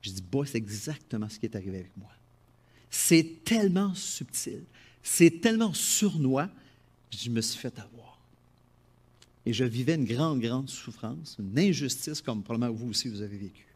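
A middle-aged man with a Quebec French accent delivers a sermon in a voice of ordinary pitch. He preaches with animation, rising into loud emphatic phrases and dropping into quiet, confiding asides. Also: big pitch swings, normal speed, husky. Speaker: pastor.

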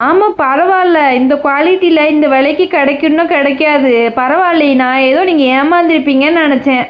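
A woman's voice: sits high, fairly quick, close to an everyday voice. Woman voicing a defensive cartoon girl. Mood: relieved. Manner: indignant, protesting. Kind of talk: children's cartoon voice acting.

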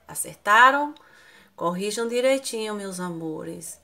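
Slow, patient Brazilian woman teacher. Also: medium pitch, expressive, vocal fry, pushed and bright. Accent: Brazilian Portuguese. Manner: slow, patient, spells out syllables, asks questions often. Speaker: primary school teacher. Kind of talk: online class for children.

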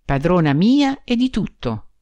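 A woman's voice: lowish voice, big pitch swings, measured pace, no room sound, highs cut off, pitched above the performer's own voice. Woman doing a timid, saddened bridegroom. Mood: gentle. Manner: timid, gentle, then gloomy. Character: timid, saddened bridegroom, middle-aged man.

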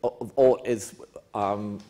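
A man's voice: fairly low pitch, steady tone, slow pace, mellow. An older man, a philosophy lecturer, answering a question in a lecture room with many hesitant restarts and fillers. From England. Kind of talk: academic Q&A answer.

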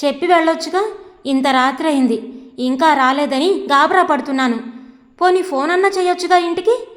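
A woman's voice: high-pitched, fairly quick, big-room sound, close to an everyday voice. A woman reading the part of a stern young husband who scolds his wife in curt, bossy lines in a storybook reading. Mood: scolding.

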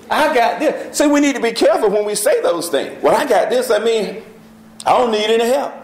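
A man with a drawl leads a church Bible study, his voice rising and falling with lively swings. He reads scripture slowly and tosses questions to the class, and his voice rings through an echoey church room. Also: very high-pitched.

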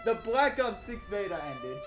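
High-pitched young man talking profane gamer trash. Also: very animated, unhurried, over music. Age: young adult. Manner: profane, slangy trash talk. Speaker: gaming YouTuber. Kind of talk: casual gameplay commentary. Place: small room indoors.

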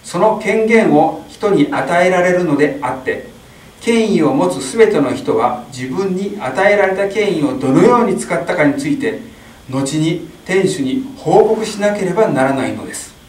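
A man's voice: sits high, moderate pace. Middle-aged man reading a sermon translation. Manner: steady reading with small slips. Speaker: interpreter at a Mass. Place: small chapel. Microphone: stand mic. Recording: echoey chapel, distant mic.

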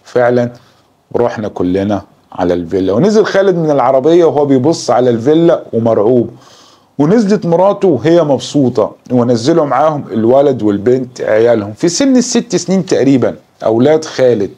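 A man with an Egyptian Arabic accent narrating a horror story in a slow, dramatic storytelling manner. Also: medium pitch, big pitch swings, mellow.

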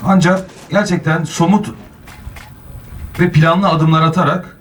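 A man's voice: on the high side, steady tone, a little slow, far from the mic. A man, a mayor, giving an earnest public speech at a podium microphone.

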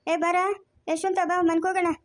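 A woman voicing a soft-hearted grandmother begging tearfully in a family cartoon. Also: very high voice, little pitch movement, fairly quick, dry recording, clean studio sound. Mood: pleading.

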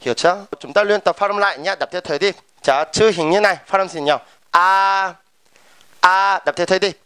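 A man's voice: sits high, fast, fairly bright tone, smooth, dry recording. A Korean man with a Korean accent teaching pronunciation in a lesson, modeling sounds over and over. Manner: drills sounds with repeated modeling.

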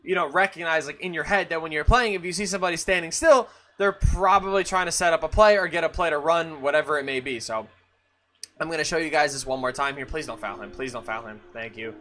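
A man's voice: on the high side, steady tone, fast talker, fairly bright tone. A young man talking casually through a video game tutorial for his channel, chatty and full of fillers and self-corrections. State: has the hiccups. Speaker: gaming YouTuber. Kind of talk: casual gameplay tutorial commentary.

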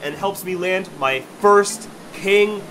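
Taking it slowly in a high-pitched voice, a young angler narrates a fishing trip vlog where he caught his first salmon. The storytelling is eager and earnest, laid over loud background music.

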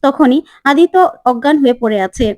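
A woman's voice: high-pitched, moderate pace, no echo. A woman retelling a TV serial episode in plain running narration.

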